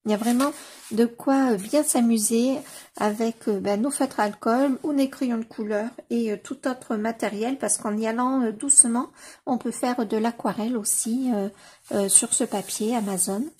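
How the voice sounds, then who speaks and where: Husky-voiced enthusiastic woman. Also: on the high side, steady tone, mellow. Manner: enthusiastic, many fillers, reads English titles slowly. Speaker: coloring-book reviewer. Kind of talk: casual flip-through commentary.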